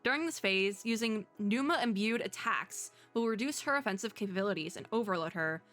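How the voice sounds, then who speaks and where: Brisk and expressive, a young woman with a mid-range, slightly bright voice rambles through slangy reactions to game previews as a streamer, thinking aloud. Background music sits under her speech.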